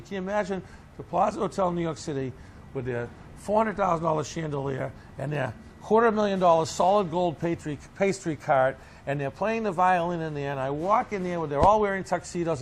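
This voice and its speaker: In an animated interview, a small business owner who runs a coffee cake company spins stories in a jokey, salesman-like way. He has a Boston accent and a fairly high-pitched voice, and there's slight background noise.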